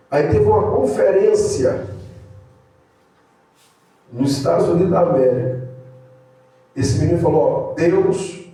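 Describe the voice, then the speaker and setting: A man with a Brazilian Portuguese accent, an evangelist teaching a theology course, who tells stories in an animated way with sudden high exclamations. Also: far from the mic. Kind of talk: informal sermon-style lesson. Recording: very echoey room, speaker away from mic.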